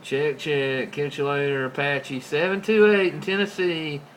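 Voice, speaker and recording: With a fairly high pitch and fairly even intonation, this American man speaks at a measured pace. He's a CB radio operator chatting casually in folksy CB slang, and the radio setup is clearly noisy.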